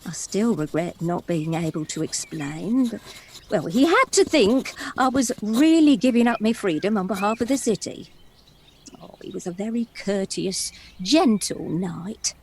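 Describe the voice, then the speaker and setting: Princess in a stage comedy: expressive, highly animated, unhurried, storytelling with relish and tenderness. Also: female voice, a little hiss or hum. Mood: wistful, tender. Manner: dramatic, giggly, wistful storyteller. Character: theatrical, chatty princess, fond companion of a dragon.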